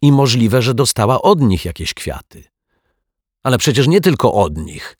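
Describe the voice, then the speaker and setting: A man's voice: mid-range voice, sing-song, moderate pace, husky, no echo, studio quality, pitched above the performer's own voice. A man voicing an earnest, kind male detective in a children's story, exclaiming. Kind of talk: storybook reading.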